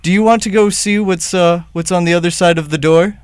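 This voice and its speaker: A man's voice: high-pitched, fairly even intonation, a little fast, clean tone, no room sound. A man hosting a comedic podcast, with playful, theatrical announcer delivery. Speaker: podcast host.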